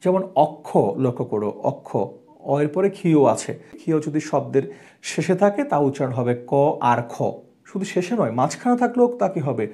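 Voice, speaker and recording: Man teaching grammar, lively pitch. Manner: asks questions and answers them himself, repeating rules; drawn-out hesitations. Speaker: Bengali grammar tutor. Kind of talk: classroom explanation.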